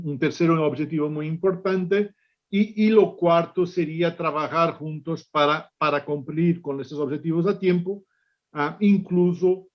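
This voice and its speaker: Male conference speaker, native Portuguese, accented Spanish blended with Portuguese, fairly high voice, halting repetitions, slightly dull audio. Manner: mixes Spanish with Portuguese words and grammar; halting, repeats words while searching for phrasing. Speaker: conference speaker, business executive. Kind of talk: unscripted conference presentation.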